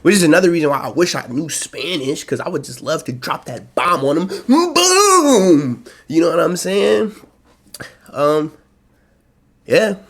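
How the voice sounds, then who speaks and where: A man's voice: fairly high pitch, moderate pace, creaky, husky. A young American man talking casually to his channel, rambling and loose with lots of slang and fillers. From United States. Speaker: YouTube vlogger. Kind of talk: casual solo talk to camera.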